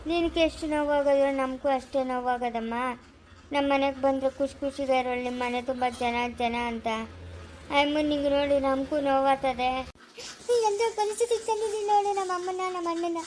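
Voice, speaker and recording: A woman's voice: high-pitched, fairly quick, darkish tone, slight background noise, lightly acted. A woman with a rural Chikkaballapura Kannada accent playing a grieving grown daughter in an amateur village family drama, lamenting in a crying, pleading, repetitive way. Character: grieving adult daughter mourning her mother.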